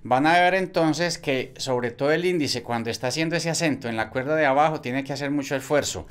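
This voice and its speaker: A man's voice: fairly high pitch, brisk, smooth. A man teaching guitar technique, explaining each step patiently and often checking in with "ok?". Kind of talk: instructional explanation. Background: loud guitar playing.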